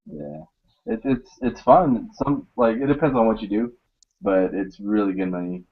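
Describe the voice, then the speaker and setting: A man's voice: fairly low pitch, expressive, moderate pace, creaky, narrow, tinny audio. A young man chatting casually in a group with laid-back, slangy, profanity-laced delivery. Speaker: motovlogger in a group hangout.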